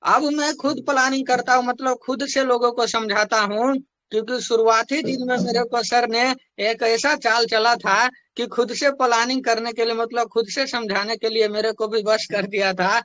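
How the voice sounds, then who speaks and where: A young adult network marketing distributor tells a motivational story from his sales work, chatting casually and repeating phrases for emphasis. His voice is very high pitched, pushed and bright, with a steady tone at a moderate pace. There is no echo.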